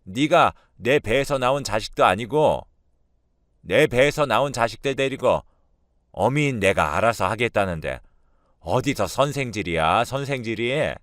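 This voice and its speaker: A man voicing an overbearing older mother-in-law who shouts down her daughter-in-law with open contempt. The voice is loud and harsh, with lively swings in pitch. It is a radio drama with a dry, close sound. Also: dry recording.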